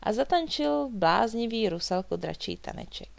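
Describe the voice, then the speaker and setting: Woman, children's story reading, expressive, gravelly, dry close sound. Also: on the high side, no echo.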